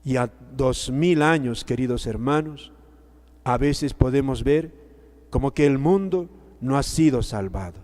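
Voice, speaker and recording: Slow-preaching male priest in a reverberant hall. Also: mid-range voice, a little mellow. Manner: slow, emphatic preaching with repetitions and pauses. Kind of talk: sermon.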